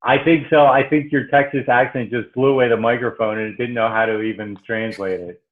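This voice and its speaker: A man's voice: mid-range voice, steady tone, a little fast. A male podcast host asking practical questions in a friendly casual interview over a video call. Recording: tinny phone-like call audio.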